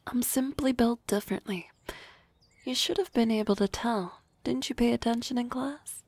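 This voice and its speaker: In an ASMR roleplay, a woman plays a lively young harpy girl from class, speaking softly and often whispering with a teasing edge. Her voice sits slightly high at a normal pace with no echo, and the mood is playful.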